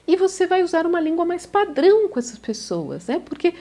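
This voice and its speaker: Speaking briskly with big pitch swings, this São Paulo-accented Brazilian teacher has a very high but mellow voice. She gives a casual video lesson to camera and frequently closes phrases with a questioning tag.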